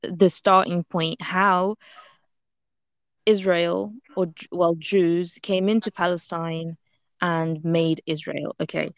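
A woman whose first language is not English co-hosts an informal explainer, haltingly searching for words as if translating in her head. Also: on the low side, no room sound. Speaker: co-host.

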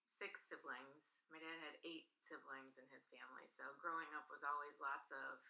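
Chatty woman with a very bright voice. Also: low-pitched, steady tone, moderate pace, gravelly, rough recording. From northern Michigan, USA. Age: 30s. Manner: chatty, rambling, laughs easily. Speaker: guest. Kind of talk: casual interview chat.

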